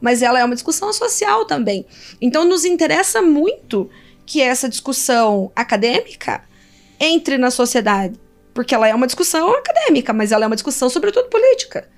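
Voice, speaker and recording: Brazilian woman, high voice, engaged academic guest, rhetorical and animated. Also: fairly quick, faint music behind. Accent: Brazilian Portuguese. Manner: animated, poses rhetorical questions, many fillers. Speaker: linguist guest. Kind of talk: conversational interview answers.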